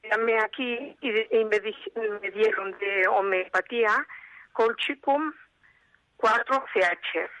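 A woman's voice: mid-range voice, slow pace, a bit bright, no echo, highs cut off. A woman calling a radio show to ask a direct question. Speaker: caller. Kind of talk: phone call to radio show.

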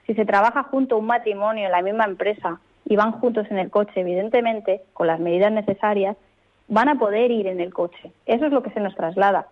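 A woman legal expert speaking as a radio guest, explaining rules in a clear, firm, methodical way. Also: mid-range voice, a little fast. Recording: tinny phone line.

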